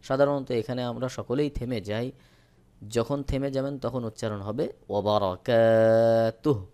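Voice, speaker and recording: A man with a Bangladeshi Bengali accent teaching Quranic recitation, spelling out each syllable slowly and then reciting it drawn out. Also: medium pitch, fairly even intonation, dark tone. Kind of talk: step-by-step recitation lesson.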